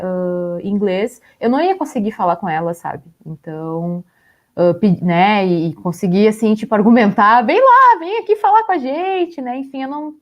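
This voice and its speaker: A woman's voice: mid-range voice, darkish tone. A young woman co-hosting a live stream, chatting casually and laughing lightly while she walks through photos. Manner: chatty, with many fillers and small laughs. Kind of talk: casual chat showing photos.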